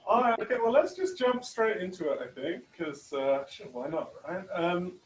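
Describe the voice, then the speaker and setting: A man's voice: high-pitched, very animated, normal speed, echoey room, recorded from a distance, poor audio. A man co-hosting a casual online teachers' meetup, rambling with lots of fillers and restarts over a video call. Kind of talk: casual chat.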